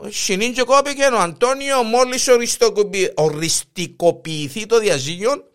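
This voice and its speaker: A man's voice: high voice, a bit bright, clean tone. A man with a Cypriot Greek accent hosting a jokey gossip news segment, storytelling with animation. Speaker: host. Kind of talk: comic gossip news chat.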